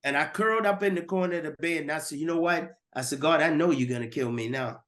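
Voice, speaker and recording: A man's voice: on the high side, quick pace, fairly bright tone. A man giving a personal testimony as a guest, earnest and repeating words as he goes.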